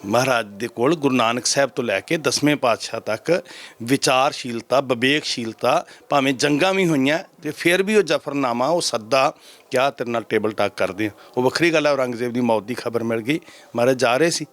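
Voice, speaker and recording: A middle-pitched man speaks with a measured, sermon-like cadence. He is a head granthi answering an interviewer's questions. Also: fairly bright tone. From Punjab, India.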